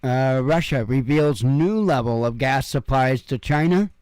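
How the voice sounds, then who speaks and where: Sitting in a home room, an Illinois man runs through the day's headlines and adds casual commentary, drifting into loose asides heavy with fillers; he hosts a news commentary program. His mid-range voice is unhurried, a touch mellow, clear and resonant, captured dry.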